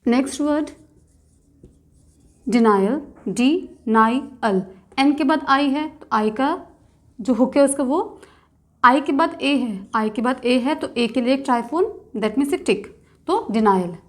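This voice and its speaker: Female shorthand tutor with a high voice, patient, step-by-step delivery. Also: lively intonation. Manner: slow, patient, spells out sounds one by one. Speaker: shorthand teacher. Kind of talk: step-by-step instructional lesson.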